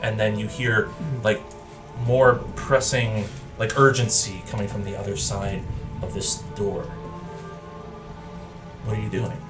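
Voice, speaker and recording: A man narrates a tabletop fantasy game as game master. His voice sits a little low and moves slowly, with measured dramatic pauses. Music is clearly audible behind him. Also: level tone.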